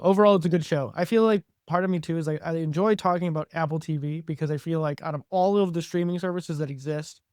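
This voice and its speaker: Chatty higher-voiced man, dry close sound. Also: darkish tone, no echo. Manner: chatty, filler-heavy with frequent "like". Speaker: podcast co-host. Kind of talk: casual chat.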